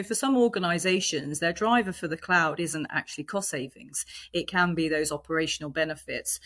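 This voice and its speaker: A woman's voice: low-pitched, a bit bright. A woman explaining her business work conversationally as an interview guest. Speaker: podcast guest, department head at a tech company.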